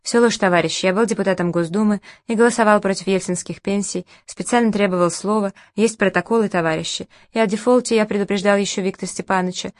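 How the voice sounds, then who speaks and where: A woman's voice: mid-range voice, fairly even intonation, fast, hardly any pauses, no room sound, lightly acted. A woman reading an audiobook, voicing a dignified older former official who insists earnestly, in a dry recording. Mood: insistent.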